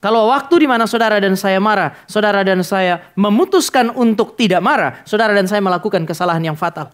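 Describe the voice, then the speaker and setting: A man's voice: high-pitched, brisk, a bit bright. A man preaching a sermon as pastor of a church, speaking directly to the congregation and telling stories with acted-out dialogue.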